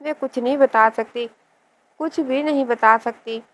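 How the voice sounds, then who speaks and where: A fragile, frightened young wife who pleads and keeps her secret, as a woman narrating puts her on. The voice is fairly high and a little hushed. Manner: fearful and pleading.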